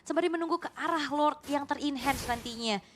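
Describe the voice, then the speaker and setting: Fast, high-voiced Indonesian woman esports commentator. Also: a bit bright, a little hiss or hum. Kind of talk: live game analysis commentary.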